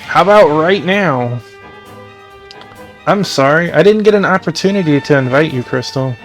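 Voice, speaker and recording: A man's voice: a little high, animated, normal speed. A man casually commenting on a video game as he plays, chatting and reading the subtitles aloud. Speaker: let's play host. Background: game music.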